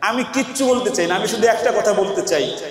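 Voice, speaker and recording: A man preaching a sermon to a crowd, calling on them to answer and moving between soft and loud speech. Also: sits high, brisk. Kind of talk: sermon at a religious gathering. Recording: echoey hall with crowd.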